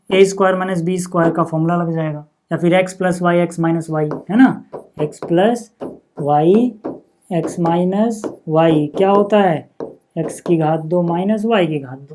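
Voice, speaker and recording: A man teaching maths in a steady, patient way, breaking each calculation into small steps. He keeps asking the class what comes next and then answers himself. He often pauses to check in before moving on. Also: sits high. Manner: patient, asks the class rhetorical questions then answers them; frequent checking-in with "okay" and "see". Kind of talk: step-by-step blackboard-style maths lesson.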